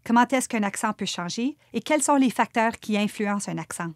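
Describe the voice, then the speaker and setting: A woman's voice: fairly high pitch, expressive, fairly quick, no echo, clean studio sound. A woman host with a Franco-Manitoban accent reading scripted narration and posing questions. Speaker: host and columnist.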